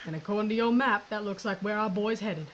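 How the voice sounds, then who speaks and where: In a mid-range, slightly quick voice close to everyday speech, a woman plays a tough old sheriff who carries a gun and is blunt and stubborn. Her delivery is dry and folksy with a determined mood, and the lo-fi recording sounds dull and noisy.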